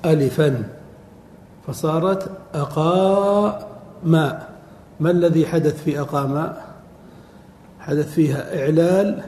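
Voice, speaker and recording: A man teaching a classroom lecture, drawing out words slowly and quizzing his students. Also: a little high, dark tone. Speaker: teacher of Arabic morphology. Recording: echoey hall with faint noise.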